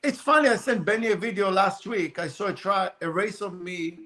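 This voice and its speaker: A man with a high, bright, forceful voice talks in a loose, rambling way, piling up fillers like "you know" and "like" as he tells racing stories. It is casual podcast conversation, animated and unpolished. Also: brisk. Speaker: guest, RC car racer.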